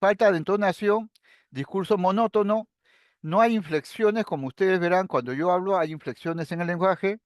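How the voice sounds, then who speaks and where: A middle-aged man with a high voice gives a lecture. He explains things calmly, point by point, and often turns to his students. The sound is dry and close, with no room echo. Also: moderate pace. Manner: explains calmly and step by step, addressing students directly. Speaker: psychiatry lecturer. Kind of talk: recorded lecture.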